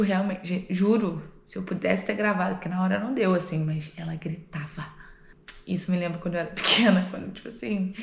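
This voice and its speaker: A young woman, telling a story for her vlog. She is animated and laughs at herself, and she acts out the voices of the people in it. Her voice rings a little in an echoey room. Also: mid-range voice, gravelly. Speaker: au pair vlogger. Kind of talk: casual storytelling to camera.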